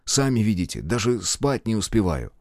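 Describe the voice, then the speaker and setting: Brash young hero, earnest yet cheeky, low lively voice, dry booth sound, read by a male narrator. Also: normal speed, no room sound. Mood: defiant. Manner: earnest, defensive, casual. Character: cheeky young man, earnest but insolent. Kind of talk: audiobook character voice.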